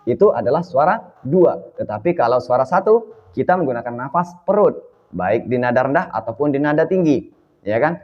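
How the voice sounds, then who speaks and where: A man's voice: mid-range voice, expressive, fairly quick, in a large hall, muffled recording. A man giving a vocal lesson, often asking "ya kan?" and breaking into short sung demos. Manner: checks in often with "ya kan?" and sings short demo notes. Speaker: vocal coach.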